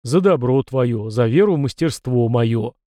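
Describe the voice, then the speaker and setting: A man voicing a humble, timid village blacksmith in an audiobook, speaking earnestly and loudly. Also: mid-range voice, lively intonation, measured pace, no echo, clean studio sound, natural voice. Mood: grateful.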